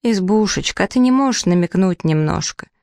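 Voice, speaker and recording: A woman voicing a timid little prince, a boy too young for school, in a high squeaky pleading voice. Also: expressive, a little fast, darkish tone, dry recording, studio quality, close to an everyday voice.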